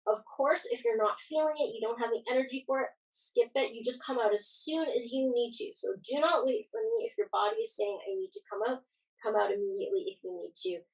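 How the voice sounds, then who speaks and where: Higher-voiced woman teaching yoga, slightly distant mic. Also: a little fast. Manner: encouraging, reassuring. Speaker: yoga instructor. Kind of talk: yoga class instruction, casual guiding.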